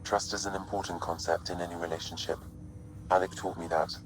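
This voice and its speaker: A man voicing a calm male artificial intelligence in a video game, speaking in a measured, formal, unemotional way through a computer-processed synthetic filter. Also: deep voice, background noise. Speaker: ship's AI companion.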